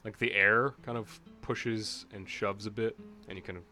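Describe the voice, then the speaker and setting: A man's voice: lowish voice, fairly even intonation, moderate pace, pushed and bright. A man narrating a tabletop game as game master, improvising scene descriptions in an informal way. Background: guitar music.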